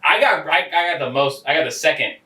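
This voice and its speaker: A young man tells an emphatic, self-mocking story among friends, swearing freely. His voice is bright and forceful and slightly high. The room is echoey and the mic sits at a distance. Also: lively intonation, fast talker, slight background noise. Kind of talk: casual chat among friends. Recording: roomy sound, mic at a distance.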